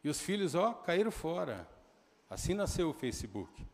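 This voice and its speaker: A middle-aged Brazilian man preaches in a church, his voice sitting a little high for a man. He tells stories in a loose, conversational way, tossing quick asides to the congregation. A long hall reverb trails each phrase. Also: very animated. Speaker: pastor. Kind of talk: sermon.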